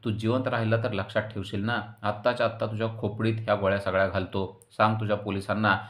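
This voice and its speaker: A man's voice: lowish voice, little pitch movement, fast, a bit bright, natural voice. A man voicing a hot-headed young hero who angrily stands up to a corrupt officer, in a serial recap. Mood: defiant. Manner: angry, threatening. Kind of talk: recap voice-over reading dialogue.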